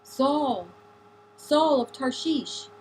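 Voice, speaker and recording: A woman voicing a commanding divine male figure, calling out in a slow, resounding way. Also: high-pitched, expressive, slight background noise, exaggerated voice, low-quality recording.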